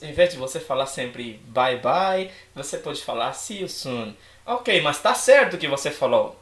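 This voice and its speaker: Male English teacher, high voice, lively casual delivery, echoey room. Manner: animated, switching between English and Portuguese, acts out students' lines. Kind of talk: casual online English lesson.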